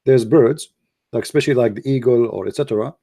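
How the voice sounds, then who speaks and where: A native Arabic speaker hosts a live, unscripted debate, challenging his guest insistently and often repeating himself. His medium-pitched voice is fast, dark and slightly rough with vocal fry. The recording is dry and studio-clean.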